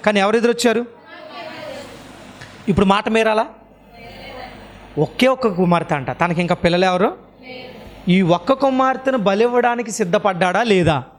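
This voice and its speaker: A man's voice: high voice, slight background noise. Man preaching with rhetorical questions. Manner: fires repeated rhetorical questions at the listeners; colloquial, urges the congregation to answer aloud. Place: church hall.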